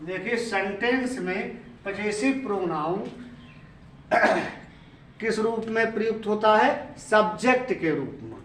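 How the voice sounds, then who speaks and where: A man with a Hindi accent teaching English grammar in a classroom lecture, speaking slowly and repeating himself while quizzing his class. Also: high voice, lively intonation, a bit bright, echoey room, far from the mic, slight background noise, low-quality recording. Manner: slow, repetitive, asks the class questions.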